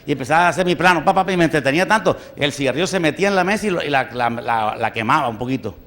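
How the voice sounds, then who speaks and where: A male pastor preaching a sermon, emphatic, swinging from loud exclamations to hushed asides and often breaking into praise. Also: fairly high pitch, lively intonation, racing.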